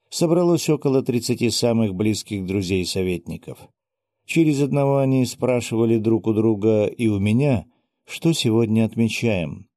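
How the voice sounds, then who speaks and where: Male audiobook narrator, low mellow voice, dry close sound, wry delivery. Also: no echo. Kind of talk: first-person fantasy audiobook narration.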